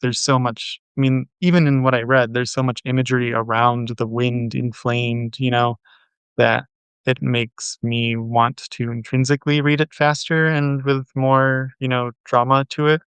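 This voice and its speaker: A man hosting a poetry channel, reading poems slowly and measuredly, then talking them through in a halting, thinking-aloud way full of fillers. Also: mid-range voice, level tone, a bit bright, clean tone, dry recording. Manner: measured, unhurried poem reading. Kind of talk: poetry reading and casual discussion.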